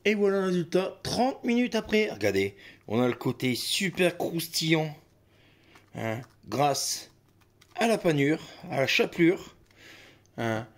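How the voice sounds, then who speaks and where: His voice sits on the high side, very animated yet measured in pace, as he hosts a cooking video with a slight cold. Casual and chatty, he keeps dropping fillers like "hop" and "hein" while he works. The kitchen background is full of clattering dishes and utensils.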